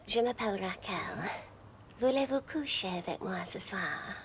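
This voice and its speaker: A woman's voice: mid-range voice, animated, normal speed, fairly bright tone, slight background noise, natural voice. An actress playing a coy woman flirting during a French lesson in a TV soap. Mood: flirty. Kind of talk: soap opera acting.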